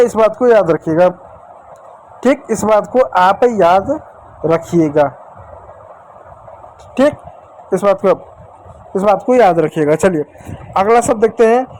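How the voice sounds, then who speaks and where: A male English teacher with a high, slightly mellow voice runs a spelling lesson at a whiteboard, calling his viewers dear children. He repeats himself and poses questions only to answer them himself. The audio is poor, with a bit of noise in the background.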